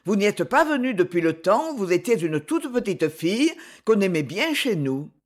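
A woman's voice: medium pitch, big pitch swings, moderate pace. A woman reader voicing a kindly, plain-spoken older farmer who talks in a simple, hearty country way. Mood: hearty, welcoming. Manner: simple, hearty rural speech.

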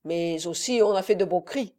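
A woman voicing a cheerful, hungry young peasant man in a storybook reading, speaking loudly and with gusto. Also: on the low side, normal speed, lightly acted. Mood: chatty. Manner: loud, exclaiming, jovial.

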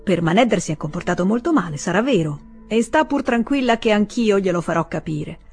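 A woman reader voicing a composed elder brother who talks in an ironic, patronizing and calmly reasoning way. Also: medium pitch, fairly quick, faint music behind, lightly acted.

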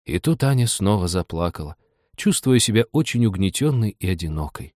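A man reading a children's storybook aloud in an expressive, animated way. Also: low-pitched, brisk, dry recording, studio quality. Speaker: audiobook reader. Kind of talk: storybook narration.

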